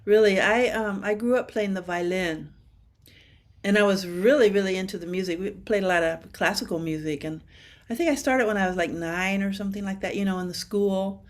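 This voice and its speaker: A woman's voice: mid-range voice, brisk. A woman in her seventies from Washington state, a percussionist guest chatting animatedly over a video call and laughing often. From Washington state, USA. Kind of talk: casual interview chat.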